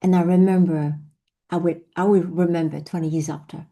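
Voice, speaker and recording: A lowish, warm-toned voice with fairly even intonation and a brisk pace belongs to a middle-aged Frenchwoman with a French accent. As an invited speaker at an online session, she recounts her personal story reflectively, full of fillers and restarts.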